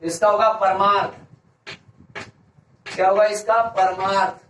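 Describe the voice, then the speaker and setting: A high-pitched male teacher walks through a grammar lesson, asking a question and then giving the answer himself, repeating it for emphasis. His voice sits back from the mic in an echoey room, with a faint hiss underneath. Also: fairly even intonation, a little slow, fairly bright tone, recorded from a distance. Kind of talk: classroom-style grammar lesson.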